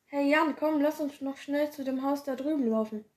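A woman's voice: sits high, moderate pace, a little mellow, natural voice. Bold little boy, as a woman reads him. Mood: eager. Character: bold, adventurous young boy. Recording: roomy echo.

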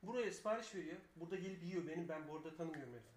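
A man's voice: fairly high pitch, very fast, echoey room, a crowd in the background. A man co-hosting a live radio show, telling long rambling stories and swearing freely. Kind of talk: casual live radio banter.

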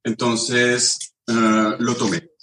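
A Colombian man in his thirties talks in a relaxed, conversational way. His pitch sits in the middle range, and he explains things step by step, sometimes restarting a phrase. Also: extremely slow. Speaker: guest. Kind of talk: casual chat.

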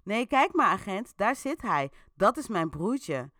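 A strange, jittery man speaks up to the police , played by a woman. His voice is raised and pleading, bright and edgy. The sound is dry and close. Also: very high voice, expressive, normal speed, dry recording, pitched above the performer's own voice.

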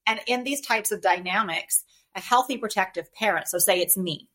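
A woman's voice: mid-range voice, normal speed, a bit bright. A woman divorce coach on a podcast, explaining in an earnest way and often checking in with "right?". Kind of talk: podcast interview.

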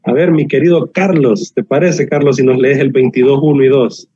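A man's voice: mid-range voice, fairly even intonation, moderate pace, mellow, husky, no echo, lo-fi sound. A man preaching a sermon as a pastor, emphatic and repetitive with touches of humor, heard over a video call.

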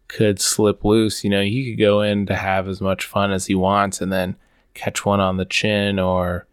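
A man with a deep, flat voice talks casually on a podcast. His delivery is measured and even, recorded dry and close. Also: dry recording. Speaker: podcast co-host.

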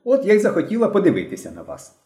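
A brisk, commanding young pioneer girl leader, as a male narrator raises his voice to play her. Her lines lift high and swing a lot, with a mellow tone in a roomy audiobook recording. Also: huge pitch swings. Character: stern, cheerful young female pioneer leader. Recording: roomy echo.

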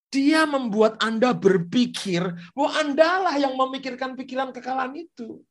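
A male pastor preaching a sermon on the radio in an animated way, repeating phrases for emphasis. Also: very high voice, moderate pace. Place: radio studio.

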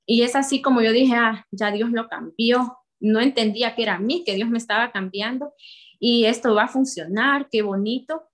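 A woman's voice: a little high, a little fast. A young woman with a Honduran accent gives a heartfelt personal faith testimony, speaking directly to her listeners.

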